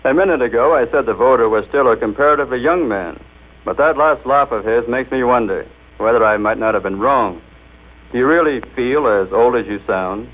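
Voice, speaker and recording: A man's voice: medium pitch, a little fast. Jovial man demonstrating on old radio. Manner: jovial, explanatory, coaxing the machine. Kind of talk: scripted 1930s radio demonstration. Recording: tinny 1939 radio broadcast recording.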